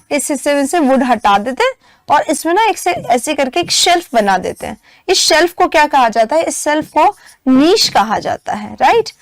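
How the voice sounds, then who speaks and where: A young Indian woman teaching English vocabulary for an exam, explaining step by step, checking in with her students often, and reading the English prompts slowly. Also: sits high, no room sound, studio quality. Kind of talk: exam-prep vocabulary lesson.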